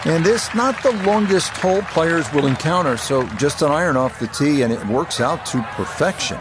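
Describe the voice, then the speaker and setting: A man giving golf commentary as the play-by-play announcer, calling shots in a measured, understated way. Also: a little high, expressive, background noise. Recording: background music and crowd sound.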